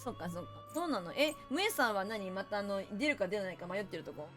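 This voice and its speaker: A woman's voice: mid-range voice, expressive, fast, a bit bright, faint music behind. A young woman with a Kansai accent chatting casually during a game stream, playful and talkative as she reads viewer comments aloud into a close microphone. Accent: Kansai Japanese. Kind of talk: casual live-stream chat while gaming.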